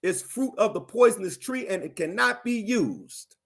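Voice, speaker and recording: Animated, emphatic high-voiced man. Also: normal speed. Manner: animated, emphatic, repetitive phrasing. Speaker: commentator on a livestream. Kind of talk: animated commentary responding to viewers.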